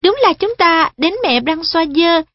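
An earnest young girl, as a woman narrator voices her, bright and high-pitched, eager and polite. Her speech is lively and sometimes rushed, recorded dull and lo-fi with a dry sound. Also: dry recording. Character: earnest young girl guiding an old man.

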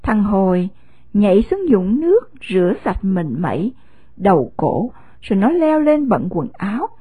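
A woman with a Southern Vietnamese accent narrating a story in an expressive storytelling way. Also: mid-range voice, unhurried, slightly rough, no room sound.

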